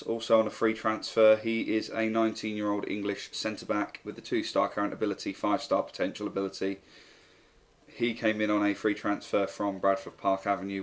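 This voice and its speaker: A man narrating a football management video game, calmly going through his team's signings in a steady, matter-of-fact way. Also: on the low side. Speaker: gaming YouTuber. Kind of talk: game commentary walkthrough.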